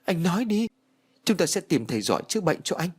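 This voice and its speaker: A man's voice: medium pitch, big pitch swings, brisk, husky. A man voicing an earnest, anxious young pregnant wife who speaks with urgency in an audiobook. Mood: urgent pleading. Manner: urgent, pressing.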